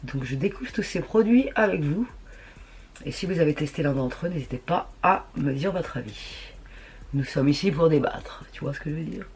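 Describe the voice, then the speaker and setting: Her voice sits low, a little mellow with a breathy edge, animated but at a moderate pace. The beauty vlogger keeps things casual as she tries out makeup at home, full of crude slang and self-deprecating humor.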